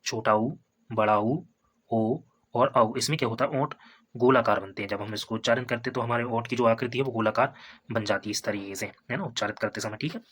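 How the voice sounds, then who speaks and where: A man teaching a Hindi grammar lesson for exam preparation. He repeats each point, sounds out vowels slowly as examples, and keeps checking in with "है ना" and "ठीक है". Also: mid-range voice, a bit bright, slight background noise. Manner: repetitive, explains step by step with tags like "है ना" and "ठीक है".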